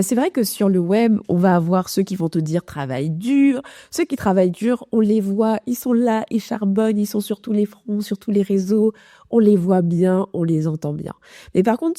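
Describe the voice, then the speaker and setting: A woman's voice: mid-range voice, mellow, no echo, studio quality. A woman hosting an informal solo podcast, her voice marked by a robotic processing artifact. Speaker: podcast host, productivity coach.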